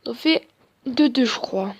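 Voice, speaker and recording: A woman's voice: fairly high pitch, lively intonation, unhurried, dull audio, noisy background. A woman commenting on her own football video game, chatting casually and cheering her players on play by play. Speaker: gamer.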